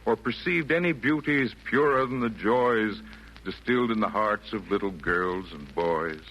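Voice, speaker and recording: An actor playing a wise, jolly yet firm old Santa, speaking eloquent rhymed verse in a theatrical 1940s radio style. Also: male voice, fairly low pitch, unhurried, lo-fi sound. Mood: tender, lyrical. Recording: noisy vintage 1940s radio broadcast.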